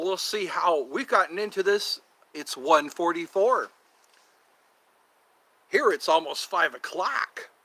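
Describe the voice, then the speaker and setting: An American man in his fifties hosts a livestream, rambling casually with viewers and drifting from topic to topic. His slightly high voice has a bright, forceful edge, and he keeps slipping into quick put-on voices between asides. The recording is dry.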